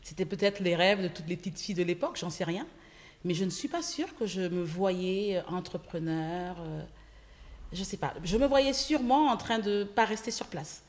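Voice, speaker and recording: Low-voiced woman recalling her childhood. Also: normal speed. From Senegal. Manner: lively storytelling with frequent fillers. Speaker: guest entrepreneur. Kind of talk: casual interview talk. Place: podcast studio.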